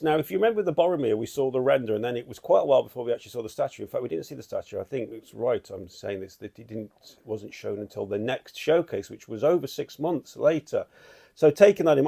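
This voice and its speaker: A British statue collector vlogs excitedly at home, walking from room to room as he chats. His mid-range voice is gravelly, and he rambles enthusiastically with many restarts.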